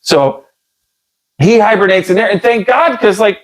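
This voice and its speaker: A man's voice: high voice, normal speed, rough recording. A middle-aged man co-hosting a podcast, rambling and joking with many restarts. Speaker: podcast co-host. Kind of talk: casual comedic chat.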